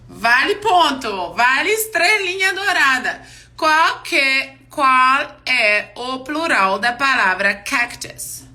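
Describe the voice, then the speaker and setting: Bright-voiced woman teaching pronunciation slowly. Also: high voice. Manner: slow, drawn-out model words; checks in with "yes?" and "ok?". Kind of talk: live online class. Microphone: live-stream mic.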